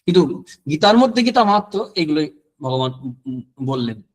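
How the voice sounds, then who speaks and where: A middle-aged man, a monk, giving a scripture discourse, chanting Sanskrit verses and explaining them line by line with frequent pauses and fillers. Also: fairly high pitch, sing-song, rough recording.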